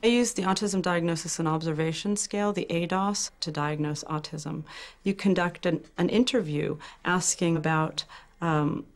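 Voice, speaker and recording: A middle-aged woman researcher who questions her subjects gently and patiently, then explains her findings. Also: fairly low pitch, fairly even intonation, normal speed. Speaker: researcher testing twins. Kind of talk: clinical interview.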